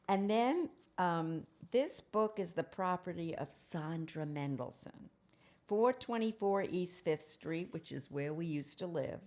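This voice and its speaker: A woman's voice: lowish voice, animated, unhurried, darkish tone. A woman, chatting casually and reading a diary aloud in a rambling, candid way with self-mocking asides. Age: 70s. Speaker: host of an advice show.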